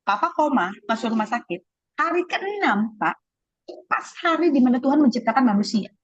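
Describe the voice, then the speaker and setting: Lively husky middle-aged woman telling testimony. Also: high voice, normal speed, no echo. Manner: animated storytelling, acting out quoted voices. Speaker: guest giving testimony. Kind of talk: personal faith testimony. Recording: dull lo-fi sound.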